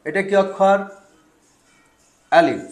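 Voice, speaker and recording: Male Quran reading teacher, slow and patient question-and-answer drills, stretched syllables, high voice. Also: very animated, roomy sound, faint music behind. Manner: asks questions and answers them himself, drawing out syllables. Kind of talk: step-by-step lesson.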